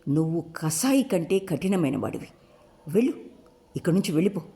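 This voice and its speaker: A woman narrator voicing a proud, wounded young woman who lashes out with sharp, scornful outbursts in an audiobook. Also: fairly low pitch, big pitch swings, brisk, vocal fry. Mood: indignant. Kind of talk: audiobook character voice.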